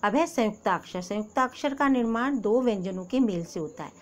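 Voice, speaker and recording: A woman's voice: medium pitch, expressive. A woman teacher giving a recorded grammar lesson to young pupils, patiently asking questions and answering them herself. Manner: slow, patient, repeats questions and answers, calls pupils "beta". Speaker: school teacher. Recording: noisy background hiss.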